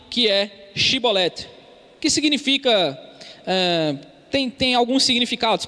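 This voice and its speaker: A Brazilian preacher delivers an earnest sermon in a very high, bright, forceful voice. He keeps calling his listeners brothers. His words ring out with a long reverb, as in a church hall. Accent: Brazilian Portuguese. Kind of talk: expository sermon.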